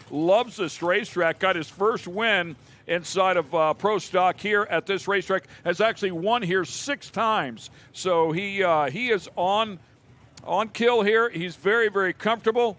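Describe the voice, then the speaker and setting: A man's voice: high-pitched, fairly bright tone. A man giving live motorsport commentary from the booth. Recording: faint track and engine noise.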